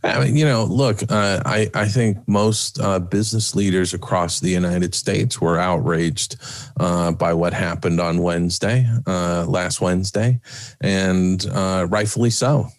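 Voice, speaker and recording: A man's voice: deep voice, steady tone, measured pace, no echo. A man co-hosting a podcast in casual, rambling chat. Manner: rambling, chatty. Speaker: podcast co-host.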